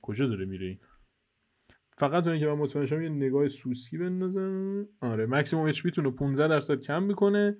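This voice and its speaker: A man's voice: fairly high pitch, animated, a little mellow. A young man casually commentating co-op gameplay for his channel, joking and teasing his teammate while guiding viewers. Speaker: gaming channel host. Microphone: headset.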